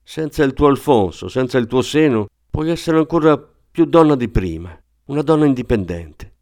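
A man's voice: medium pitch, expressive, normal speed, darkish tone, no echo, studio quality, pitched above the performer's own voice, close to an everyday voice. A man reading an audiobook, voicing a domineering older sister with a raised, commanding voice. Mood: bossy.

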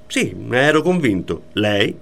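A man reads a tormented man torn between wife and mistress in a radio play. His clipped, halting lines leap wildly up and down, in a bright, forceful tone. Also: mid-range voice, very animated, creaky, full character voice. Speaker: reader in a radio play reading.

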